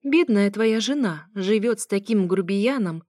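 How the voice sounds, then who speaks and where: A woman's voice: mid-range voice, expressive, unhurried, mellow, dry recording, clean studio sound. Nastya, a purring flirt, as a woman puts her on. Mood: mocking. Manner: purring, mocking.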